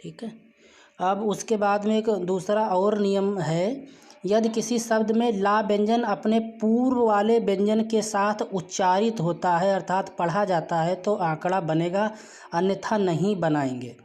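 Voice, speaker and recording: A shorthand teacher giving a patient spoken lesson, with frequent "uh" fillers. The teacher slows down to spell example words out syllable by syllable. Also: medium pitch, steady tone, a little mellow. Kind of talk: spoken classroom-style lesson.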